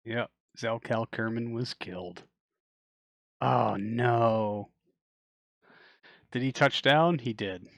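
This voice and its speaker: A man streaming a game, talking casually and reacting loudly when things go wrong. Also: medium pitch, animated, unhurried, no room sound. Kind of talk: live game commentary.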